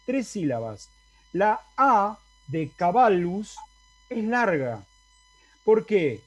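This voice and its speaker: Extremely slow and sing-song, a man's high-pitched voice leads a university Latin lecture over a video call. He has an Argentine accent and explains step by step, checking in with his students frequently.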